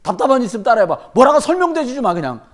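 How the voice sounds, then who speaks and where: A man's voice: very high-pitched, racing. A man, a pastor, preaching a sermon in church at a midweek service, talking emphatically and telling stories with humor. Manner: animated, emphatic, storytelling with humor.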